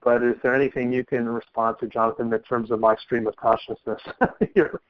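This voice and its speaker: A man's voice: mid-range voice, flat delivery, brisk, dry recording. A man co-hosting a legal podcast, talking in a loose, rambling, jokey way. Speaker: podcast co-host. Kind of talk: casual legal podcast chat. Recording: dry tinny phone-like line.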